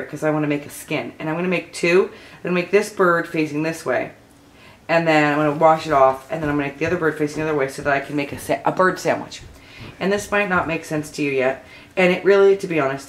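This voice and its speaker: A woman talking casually through a craft tutorial as she works, rambling and thinking aloud, with a low early-morning voice. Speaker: mixed-media craft tutorial host. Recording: echoey room, faint background noise.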